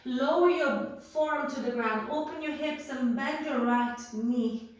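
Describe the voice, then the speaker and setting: Breathy yoga teacher woman, slow and far. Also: high voice. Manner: calm cueing of breath and poses, playful asides. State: slightly out of breath from moving while talking. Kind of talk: guided yoga class instruction. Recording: roomy echo, voice far from the mic.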